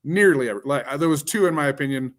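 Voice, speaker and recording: A man's voice: fairly high pitch, fairly even intonation, fast talker. A man in casual live-stream chat, rambling with frequent restarts and fillers.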